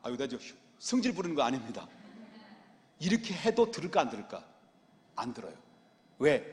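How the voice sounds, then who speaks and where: Male pastor, emphatic sermon, quizzes the pews, lively higher voice, long hall reverb. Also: fairly quick. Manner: asks the congregation rhetorical questions, emphatic. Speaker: senior pastor. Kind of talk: expository sermon. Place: church sanctuary.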